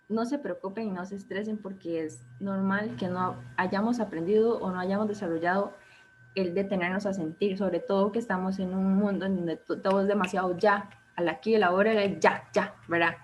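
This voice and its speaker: A woman therapist with a Costa Rican accent leading a self-esteem workshop in a relaxed conversational way. She keeps checking in with her listeners and acts out quoted thoughts in a raised voice. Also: medium pitch. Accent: Costa Rican Spanish. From Costa Rica. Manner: conversational, checks in with frequent "¿ok?" and "¿verdad?". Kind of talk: live online workshop talk. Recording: dull lo-fi sound with faint background noise.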